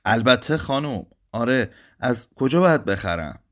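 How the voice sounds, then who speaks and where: A man voicing a quiet, grieving young widower in a read-aloud story, speaking in a subdued, weary way. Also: medium pitch, animated, natural voice. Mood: numb, pleading.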